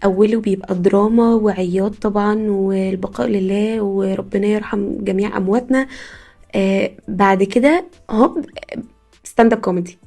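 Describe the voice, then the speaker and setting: A young woman from Egypt with an Egyptian Arabic accent, hosting a podcast as a casual comic monologue, telling stories in an animated way with frequent laughs. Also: mid-range voice, moderate pace, faint music behind. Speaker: podcast host.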